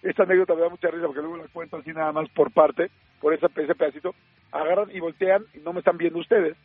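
A man with a Mexican accent, a radio host telling an anecdote in a lively way, full of fillers and acted-out quotes. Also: a little high, quick pace, slightly rough, no room sound. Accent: Mexican Spanish. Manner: lively storyteller acting out quoted dialogue, many fillers. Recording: narrow phone-like sound, faint music.

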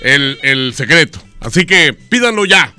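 A male radio host talks in a loud, teasing, hyped way. His voice is bright and sits fairly high. Soft music runs underneath. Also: very animated, measured pace. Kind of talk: energetic radio hosting.

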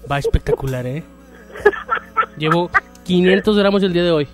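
A man co-hosting a radio show, joking around in a slow, drawling, playful tone. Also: high-pitched, faint music behind. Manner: playful, drawling put-on lazy tone. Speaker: radio co-host. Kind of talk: joking on-air banter.

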